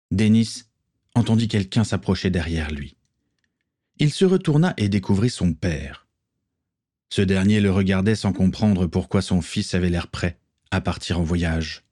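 A man narrating a story in a steady audiobook reading. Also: sits low.

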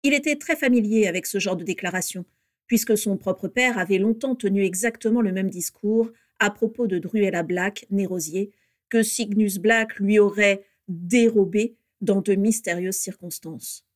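A woman reading a story aloud with steady, measured narration. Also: mid-range voice, no room sound, studio quality.

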